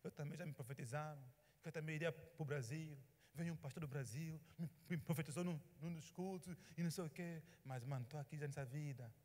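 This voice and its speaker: A man's voice: on the high side, a little fast. A male pastor, telling a story in a sermon and acting out the dialogue. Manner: animated storyteller, acts out dialogue. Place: church hall. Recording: reverberant church hall.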